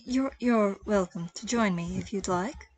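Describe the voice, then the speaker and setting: A woman's voice: mid-range voice, lightly acted, poor audio. Woman voicing a shy stammering traveler man. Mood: hesitant. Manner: stammering, soft and halting. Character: timid quiet male traveler, soft-spoken and hesitant.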